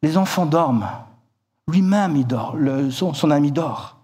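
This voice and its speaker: Male preacher with a high voice, vivid storytelling, repeats himself, church sermon. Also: a little slow, breathy edge. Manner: animated storytelling, acts out shouted lines; repeats words, stumbles and restarts.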